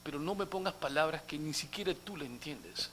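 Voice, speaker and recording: High, bright-voiced pastor preaching. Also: male voice, lively intonation, a little fast, slight background noise. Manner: dramatic, acts out quotes, swings from loud to hushed. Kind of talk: sermon. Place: church.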